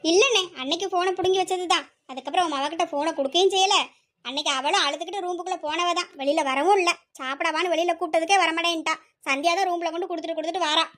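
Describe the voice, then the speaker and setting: A woman voicing a stern, scheming middle-aged aunt with a sharp, scolding way of talking. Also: extremely high pitch, rapid-fire. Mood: calm, wary. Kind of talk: hobby audio drama.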